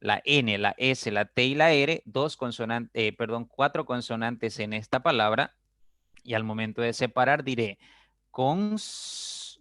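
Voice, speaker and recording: A man's voice: medium pitch, normal speed, bright, forceful tone, no room sound, clean studio sound. A male teacher giving a recorded lesson on dividing words into syllables, explaining patiently and drawing out example words syllable by syllable, with frequent check-ins to his students.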